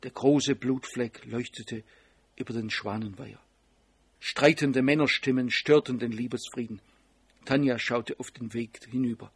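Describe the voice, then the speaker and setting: Husky male audiobook narrator. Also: mid-range voice, a little slow, dry recording. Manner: steady, even storytelling.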